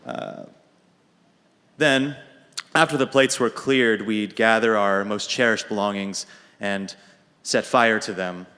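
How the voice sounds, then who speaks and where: Bright-voiced young man, deadpan storyteller. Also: fairly low pitch. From United States. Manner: dry, deadpan storytelling with comic reveals. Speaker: radio show contributor. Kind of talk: humorous personal monologue. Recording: reverberant hall.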